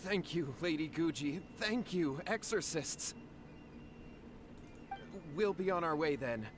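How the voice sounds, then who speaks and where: Game role: meek, anxious youth, fairly high, apologetic and polite, clear noise behind. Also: male voice, animated, slow pace. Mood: grateful. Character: worried, humble young man, deferential and remorseful. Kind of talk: video game voice acting.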